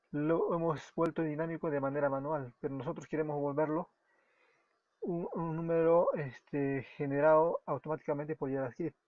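A man from Peru with a Peruvian Spanish accent and a slightly high, somewhat mellow voice narrates a screen-recorded coding tutorial as a web development tutor. He explains step by step, often correcting himself and apologizing. The dry recording sounds dull and lo-fi, with keyboard typing.

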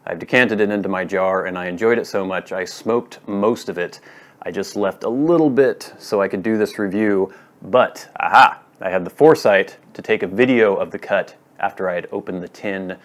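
This man reviews pipe tobacco, speaking casually to camera from a wood-floored room in his home. His voice is low and deep-set, his delivery deliberate and measured, frequently broken into brief, list-like phrases.

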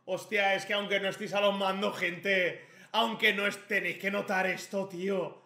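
A man's voice: high-pitched, level tone, moderate pace, bright, forceful tone, echoey room. A man streaming a football game live, exasperated and complaining to his viewers about the lag. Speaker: gaming streamer.

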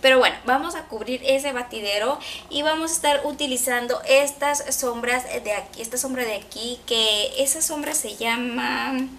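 A woman chatting excitedly through a makeup tutorial, thinking aloud as she works. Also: high-pitched, normal speed, few pauses, recorded from a distance, slight background noise. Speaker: makeup vlogger.

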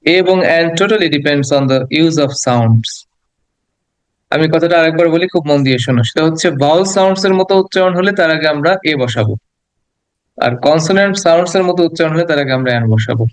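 A man with a somewhat high voice gives an English lesson in a patient, explanatory way. He repeats points and sounds out example words slowly. The recording is dry and close, with no room sound. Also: smooth, dry recording. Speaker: English teacher.

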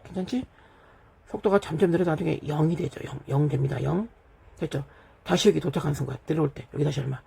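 A man's voice: a little high, quick pace, gravelly, dark tone. A middle-aged man teaching physics, working through an exam problem at the board and checking in with his students again and again. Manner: keeps checking in with "됐죠?" and "그죠?"; talks while writing on a board. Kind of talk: lecture solving an exam problem.

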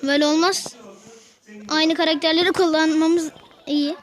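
A woman with a very high voice talks her viewers through a match. Her commentary is casual and excitable, and she bursts out quickly when things go wrong. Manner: excitable, quick frustrated outbursts, keeps addressing viewers. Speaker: gaming video host.

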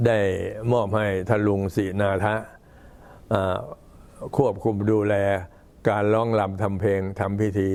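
An old man, a Buddhist monk, giving an informal talk to temple visitors in an unhurried, halting way. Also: on the low side, a little mellow. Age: older. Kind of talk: informal talk, recounting temple history and announcements.

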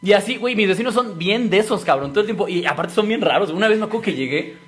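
High, quick-talking man from Mexico City. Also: lively intonation, fairly bright tone. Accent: Mexico City Spanish. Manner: crude slang, laughing a lot. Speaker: podcast host. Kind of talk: casual comedic chat.

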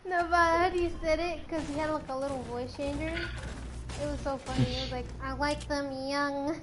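A woman's voice: high voice, level tone, fast, crowd noise. A young woman streamer chatting casually over gameplay, giggly and teasing, with plenty of swearing. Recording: noisy home stream audio.

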